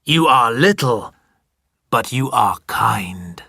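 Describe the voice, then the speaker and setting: Proud storybook lion, male narrator voicing, slow, dry recording. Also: medium pitch, lively intonation, gravelly, sharp tone, breathy edge, dry recording, full character voice. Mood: grateful. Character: big proud laughing lion. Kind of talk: storybook reading.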